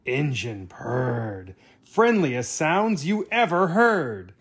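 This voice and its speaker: A slow, unhurried reader telling a children's picture book aloud, gentle and expressive. The voice is a little husky, and its pitch rises and falls in a lively way.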